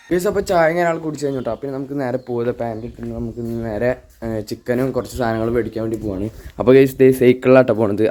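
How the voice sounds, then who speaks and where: A man's voice: mid-range voice, mellow. A young man with a Thrissur Malayalam accent vlogging casually, mixing English words into Malayalam and often addressing his viewers. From Kerala, India. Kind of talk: casual day-in-the-life vlog. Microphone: handheld camera or phone without external mic.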